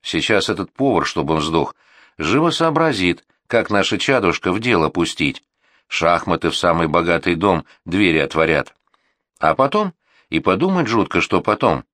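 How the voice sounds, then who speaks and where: A male audiobook reader voicing a gruff, blunt male servant who grumbles and mutters. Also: deep voice, big pitch swings, normal speed, fairly bright tone, no room sound, clean studio sound. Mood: grumbling.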